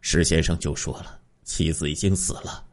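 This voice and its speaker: A man's voice: extremely low pitch, steady tone, moderate pace. A man telling a true crime story in a casual spoken style, stretching out sentence-final particles.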